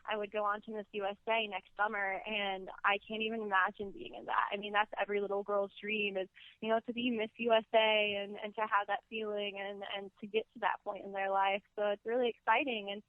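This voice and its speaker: A woman's voice: medium pitch, no room sound. A young American woman giving poised, upbeat pageant-style answers in an interview. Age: young adult. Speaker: pageant contestant being interviewed. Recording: narrow radio or telephone-like sound.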